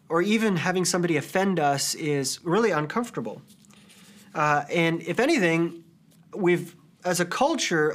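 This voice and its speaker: A man's voice: sits high, fairly bright tone. Earnest man preaching a sermon. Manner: earnest, conversational storytelling with fillers. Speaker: pastor.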